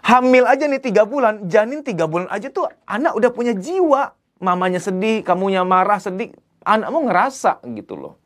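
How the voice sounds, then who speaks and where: A man giving a lively psychology lecture as a therapist, emphatic and conversational. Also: sits high, brisk. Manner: animated, acts out quoted dialogue in other voices; colloquial, emphatic "gitu loh" asides.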